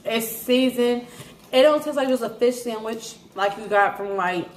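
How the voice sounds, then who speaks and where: A woman's voice: on the high side, normal speed. A woman casually reviewing food, chatting while she talks with her mouth full. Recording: echoey room, faint background noise.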